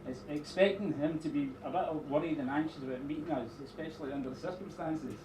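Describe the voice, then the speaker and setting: A middle-aged man giving an informal wedding speech as father of the bride, rambling a little with pauses and dry teasing asides. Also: a little high, a crowd in the background. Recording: echoey room, distant mic, noisy background.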